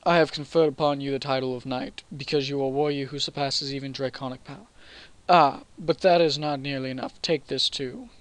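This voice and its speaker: A man's voice: medium pitch, fairly even intonation, brisk, few pauses, a bit bright, dry recording, close to an everyday voice. A man voicing a dignified male knight lord from a fan-made game, speaking in a formal, solemn way.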